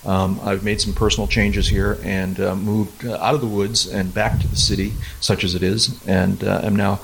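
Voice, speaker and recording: A man's voice: lowish voice, little pitch movement, creaky, background noise. A middle-aged man hosting a casual, rambling podcast, often interrupting himself, speaking from inside a mostly empty room that sounds echoey. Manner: halting, self-interrupting delivery. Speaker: podcast host.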